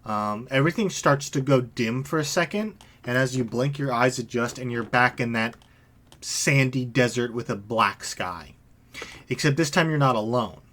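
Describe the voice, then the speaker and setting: A man's voice: mid-range voice, fairly bright tone. Man narrating a tabletop game. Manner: descriptive, halting, with fillers. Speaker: game master.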